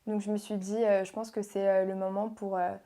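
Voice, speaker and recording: A woman's voice: mid-range voice, flat delivery, brisk. Hesitant young woman from Portugal. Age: young adult. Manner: hesitant, many fillers, soft-spoken. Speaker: guest, beauty pageant contestant. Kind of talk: interview answers.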